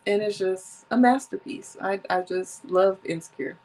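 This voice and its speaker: Speaking at a normal pace in a medium-pitched voice, a woman in her thirties hosts a casual podcast by herself. She is chatty and animated, laughs often, and sips drinks, all on a rough recording.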